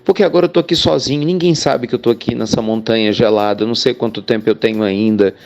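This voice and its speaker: A man's voice: on the low side, fast, darkish tone, close to an everyday voice. A man voicing a desperate male mountain climber stranded on a rope, pleading and stubborn. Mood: praying.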